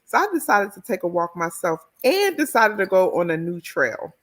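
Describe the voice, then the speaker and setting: A woman's voice: mid-range voice, normal speed. A middle-aged woman from the Washington, D.C. area, an author and educator telling her story in an interview. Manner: expressive, animated storyteller.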